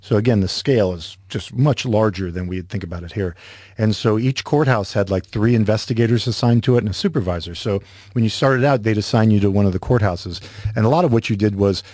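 Middle-aged male radio host, low voice, dry close studio mic, loose storytelling chat. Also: a little fast, darkish tone, no room sound. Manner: chatty, laughs easily, tells stories. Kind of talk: casual talk-radio chat.

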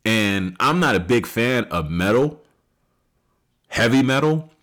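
A man in his late thirties hosting a solo podcast, talking casually and rambling with many fillers and restarts, rising loud and high when he makes a point. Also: expressive, takes it slowly. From United States. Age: 30s. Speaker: podcast host.

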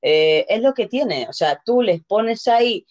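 A woman's voice: a little high, expressive, a little slow, a little mellow. Playful Castilian Spanish woman host, dull lo-fi audio. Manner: playful, exclamatory. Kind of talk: casual live show chat.

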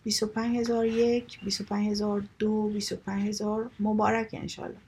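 A woman voicing a pushy, showy male auctioneer who calls out bids in loud, formal patter and drags out the count. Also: medium pitch, flat delivery, husky.

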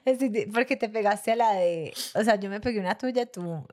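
A young woman, co-hosting a podcast in casual chat, giggling often between quick remarks. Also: medium pitch, a little mellow. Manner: giggly, chatty, quick interjections. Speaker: podcast co-host.

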